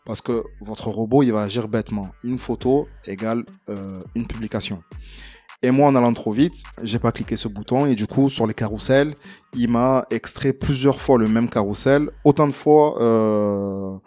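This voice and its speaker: A man walking viewers through a casual screen-recording tutorial, chatty and relaxed with plenty of fillers and some self-deprecating humor. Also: medium pitch, normal speed, no room sound. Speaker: tutorial creator.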